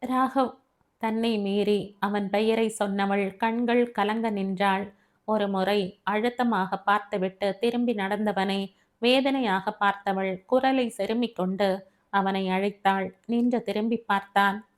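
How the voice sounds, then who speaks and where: A woman giving measured, emotive scripted narration of a family audio novel. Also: mid-range voice, steady tone.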